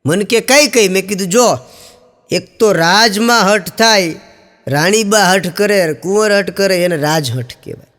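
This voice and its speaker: Male stand-up comic, high voice, spins jokes as stories, hall reverb. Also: a bit bright. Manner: storytelling, acting out quoted characters with raised pitch. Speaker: stand-up comedian. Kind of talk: Gujarati joke telling to an audience.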